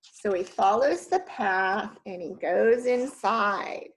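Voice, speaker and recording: A woman reading a children's story aloud, with lively asides and "um"s to her young listeners. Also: mid-range voice, slow pace, poor audio.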